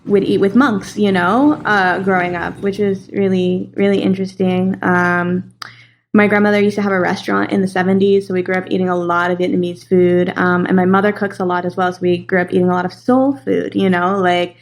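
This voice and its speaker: A young Californian woman, a casting and voice director, chats as a guest in a casual interview. Her voice is lowish and fairly even in intonation, her pace brisk, and there's a slight hiss or hum. She talks loosely, with lots of fillers and frequent laughter.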